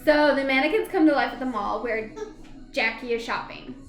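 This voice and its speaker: Reviewing a TV episode, a high-pitched woman vlogger talks loosely to camera at a normal speed, chatty and rambling, often laughing and humming fillers. Her voice echoes noticeably around the room, with faint music playing beneath.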